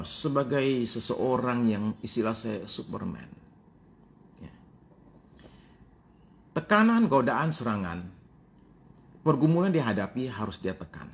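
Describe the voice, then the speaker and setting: A man in his fifties, a pastor preaching a sermon, speaking directly to his congregation with frequent pauses and fillers, answering his own questions. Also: mid-range voice, slight background noise. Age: 50s. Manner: addresses congregation directly, asks and answers himself.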